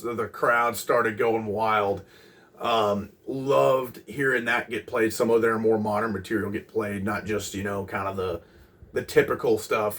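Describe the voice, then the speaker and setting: A man in his twenties casually recalling a concert as host of a music channel, rambling with many pauses and restarts. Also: fairly low pitch, fairly bright tone, distant mic. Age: 20s. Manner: rambling, lots of ums and restarts.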